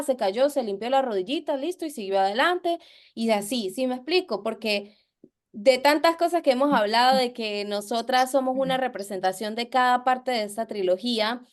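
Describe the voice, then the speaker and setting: A woman co-hosting a podcast discussion, reflective and measured as she explains her view at length. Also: a little high. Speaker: podcast co-host.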